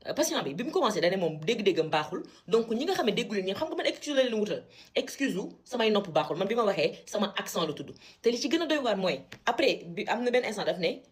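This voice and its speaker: Fast-talking young Senegalese woman. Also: mid-range voice. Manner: switches quickly between French and Wolof; animated, indignant retelling. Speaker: medical student. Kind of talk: casual storytelling.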